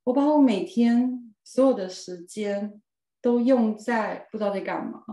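Expressive woman, roomy sound. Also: on the high side, measured pace. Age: 40s. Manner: expressive, lively storytelling with laughs and emphatic repeats. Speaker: guest. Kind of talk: personal storytelling in a podcast interview. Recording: roomy echo.

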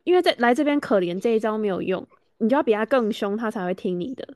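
Fast chatty Taiwanese-accented woman. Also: a little high, lively intonation, a little mellow, no echo, clean studio sound. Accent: Taiwanese Mandarin. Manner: chatty, exasperated complaining. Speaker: podcast co-host. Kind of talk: casual chat.

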